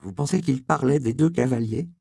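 A man's voice: medium pitch, fairly quick, vocal fry, dark tone, no echo, clean studio sound, pitched above the performer's own voice. A man voicing a fearful young apprentice who pleads and asks anxious questions.

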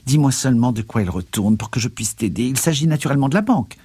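A man voicing an excitable, loud older country uncle in an audiobook reading, agitated and pressing. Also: mid-range voice, fast talker, slightly rough, dry recording, voice pushed up.

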